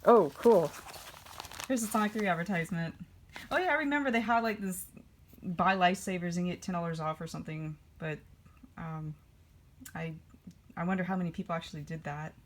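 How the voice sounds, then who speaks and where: A woman's voice: fairly low pitch, a little fast, pauses often. A woman vlogger rambling casually while flipping through her old comics, with dry offhand asides. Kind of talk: casual vlog chat.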